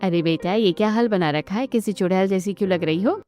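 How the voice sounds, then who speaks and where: A woman's voice: medium pitch, a little fast, a little mellow, faint music behind, natural voice. A woman voicing a caring but firm middle-aged mother giving advice in a cartoon story. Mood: advising. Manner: firm, advising.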